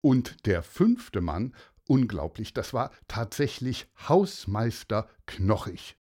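A man narrating a children's story with playful, expressive emphasis. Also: on the low side, takes it slowly.

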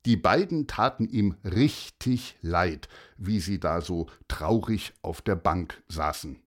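A man narrating a children's story in an expressive, playful way. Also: deep voice, takes it slowly.

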